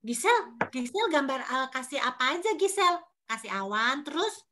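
Woman teacher, very high bright voice, praises and questions small children. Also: sing-song, moderate pace, a little hiss or hum. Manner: warm praising teacher talk. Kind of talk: online class with children.

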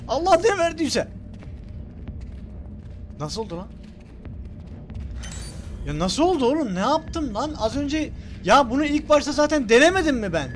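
Excitable male streamer, high and animated voice, banter over the game. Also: a little hiss or hum. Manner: excitable, swears, talks back to the game. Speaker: gameplay streamer. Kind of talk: casual let's-play commentary. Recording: loud game music behind the voice. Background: game music.

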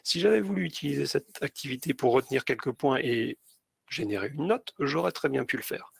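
Gravelly French trainer explaining software. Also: male voice, medium pitch, lively intonation, a little fast. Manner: explains step by step with many fillers. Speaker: teacher trainer. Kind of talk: screen-share tutorial.

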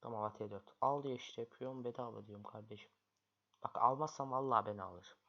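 A man's voice: mid-range voice, a little fast. A man commentating his own online chess games, grumbling and muttering in frustration at his opponent. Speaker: chess streamer. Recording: lo-fi, loud background noise.

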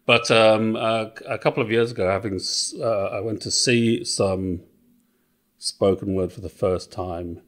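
A man's voice: fairly low pitch, steady tone, a little slow. A middle-aged man from Wales with a Welsh accent, a podcast guest chatting casually and thinking aloud with many fillers and restarts. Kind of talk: casual interview chat.

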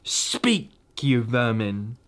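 A man's voice: medium pitch, sing-song, normal speed, voice pushed up, natural voice. A man reading aloud, voicing a cruel, imperious witch queen who snaps and roars commands. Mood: menacing. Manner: commanding, snapping and roaring.

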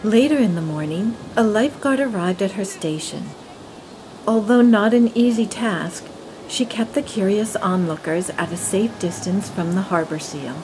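Calm woman narrating a nature film. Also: medium pitch, moderate pace, a little hiss or hum, rough recording. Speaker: documentary narrator. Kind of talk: scripted nature documentary narration.

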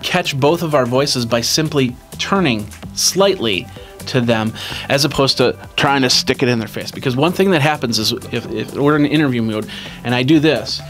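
A middle-aged tech video host with a boisterous, mid-range, slightly bright voice demonstrates gear in a small home studio at a normal speed. He holds a dynamic mic near his mouth and rambles casually with many restarts and fillers, over soft background music.

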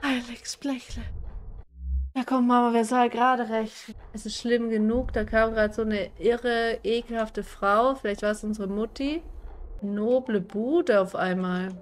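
A woman's voice: a little high, fairly even intonation, a little slow. A young woman giving casual commentary on a horror game she is playing, jumpy and swearing, screaming at the scares. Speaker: gaming streamer.

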